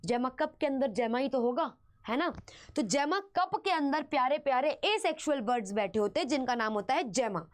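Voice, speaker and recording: A young Indian woman teaching a biology exam-prep lecture with a slightly sore throat, mixing English terms into Hindi and constantly checking in with her students. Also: sits high. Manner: addresses students as "beta", asks "theek hai?" constantly.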